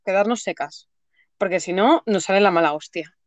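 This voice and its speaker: A woman's voice: mid-range voice, normal speed, no room sound. A woman with a Spain Spanish accent in casual chat, talking emphatically with plenty of slang. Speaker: podcast co-host.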